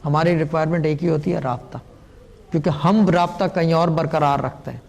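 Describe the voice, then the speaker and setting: Calm gravelly-voiced male spiritual guide. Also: a little high, big-room sound. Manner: calm, unhurried explaining with English words mixed in. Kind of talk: call-in show advice.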